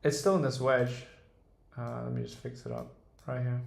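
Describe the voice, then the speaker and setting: A very animated young man with a British accent livestreams from Dubai as a day trader, casually discussing stock charts and answering chat despite many ums and restarts. His medium-pitched voice is creaky and moves at a moderate pace. The room echoes noticeably.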